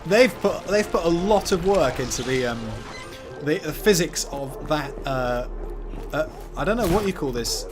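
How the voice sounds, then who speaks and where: A man's voice: fairly high pitch, animated, unhurried. A man giving rambling, self-deprecating commentary while he plays a video game. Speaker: gaming commentator. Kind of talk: let's-play commentary. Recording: loud game music under voice. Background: game music and sound effects.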